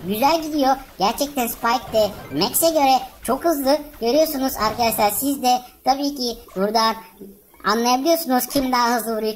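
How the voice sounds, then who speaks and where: A woman hosting a gaming channel, giving excited let's-play commentary, cheering on game characters and chatting with viewers. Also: a little high, slight background noise, rough recording.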